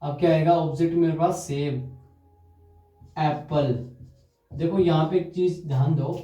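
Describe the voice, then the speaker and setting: A man's voice: fairly high pitch, steady tone, dark tone, muffled recording, faint music behind. Echoey grammar teacher quizzing his class. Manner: quizzes students with repeated questions, dictates examples slowly. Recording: echoey room, far from mic.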